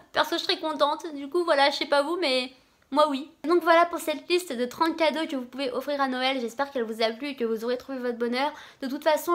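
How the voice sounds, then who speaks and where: A woman's voice: a little high, fairly bright tone. A young woman vlogging casually about gift ideas, chatty, with many fillers and restarts. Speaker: YouTuber.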